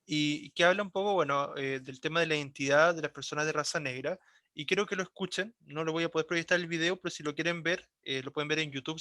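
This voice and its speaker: Bright-voiced male teacher. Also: on the high side, no echo, studio quality. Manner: explanatory, checks in often with a quick tag question. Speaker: high school language teacher. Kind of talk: recorded class explanation.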